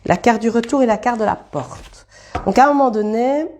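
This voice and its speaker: A woman's voice: on the high side, moderate pace, a little mellow, a little hiss or hum. A woman giving a casual live card reading, thinking aloud as she turns cards and greeting viewers by name. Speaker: card reader streaming live.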